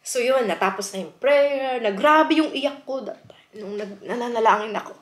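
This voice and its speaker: Heartfelt Filipina vlogger in an echoey room. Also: female voice, a little high, moderate pace. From Philippines. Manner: chatty and heartfelt, mixing in English, often saying "guys". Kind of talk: casual vlog talk to viewers. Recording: roomy echo.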